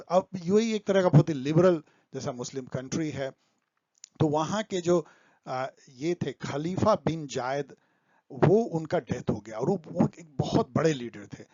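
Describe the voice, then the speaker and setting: A man's voice: a little high, a little slow, warm tone, dry recording, dull audio. A man explaining current affairs for exam students over slides, mixing English terms into his talk. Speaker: exam tutor.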